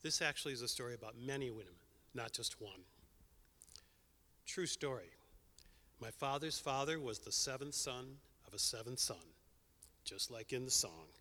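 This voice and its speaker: An older man telling a personal story on stage in a wry, conversational way, with quick asides and dropped endings. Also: medium pitch, animated, pushed and bright. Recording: long hall reverb.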